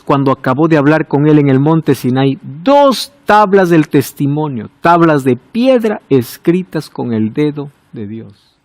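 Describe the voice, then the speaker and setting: Preaching a sermon, a man poses rhetorical questions and swings between loud emphasis and hushed, low words. The recording is dry.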